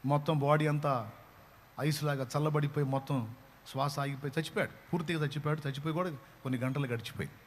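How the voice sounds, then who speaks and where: A man preaching a sermon, telling a story dramatically and rising to loud, fervent proclamations. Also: a little high, quick pace, a little hiss or hum.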